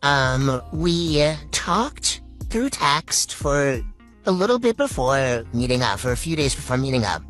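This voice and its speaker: Woman with a deep pitch-shifted voice. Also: very animated, a bit bright, faint music behind, low-quality recording. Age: 30s. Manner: halting, with frequent "um" pauses. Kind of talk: casual storytelling to viewers.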